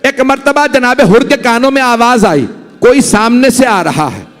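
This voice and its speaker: Male preacher, high voice, dramatic mourning-sermon storyteller. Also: normal speed, big-room sound. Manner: dramatic, emotional, appeals directly to listeners. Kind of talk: Muharram majlis sermon storytelling. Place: mourning hall gathering.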